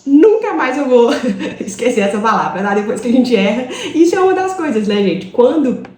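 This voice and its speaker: A woman's voice: on the high side, sing-song, fairly quick, dark tone, reverberant. A woman in her thirties with a Brazilian Portuguese accent, an English teacher giving a live online class in a chatty storytelling way, often asking "right?". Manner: chatty storytelling, frequent tag questions.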